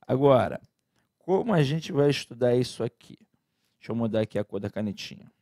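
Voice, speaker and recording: A man's voice: mid-range voice, animated, a little fast, dark tone, no room sound, studio quality. Chatty man teaching grammar. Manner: casual, chatty teaching with slang and diminutives. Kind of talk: online exam-prep lecture.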